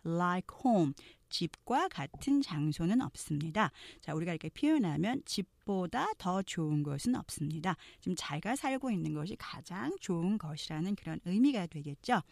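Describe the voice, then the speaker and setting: A woman teaching English pronunciation, explaining points and then saying phrases slowly and carefully so learners can repeat them. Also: on the low side, very animated, vocal fry, darkish tone, no echo. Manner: slow, careful drills spoken for learners to repeat; switches between explaining and modeling phrases.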